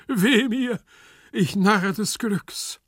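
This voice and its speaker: A man voicing a hysterical, lovesick Italian marquis with shrill, theatrical wailing laments in a literary reading. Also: extremely slow, a bit bright, husky, no room sound, clean studio sound, exaggerated voice. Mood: despairing. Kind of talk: literary reading with acted voices.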